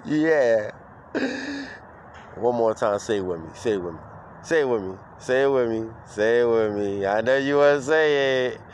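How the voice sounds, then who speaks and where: A man's voice: medium pitch, a little hiss or hum. Man doing a mock morning radio show. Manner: hype-man energy, drawn-out shouted words, laughing. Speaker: podcast host. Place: outdoors in the street.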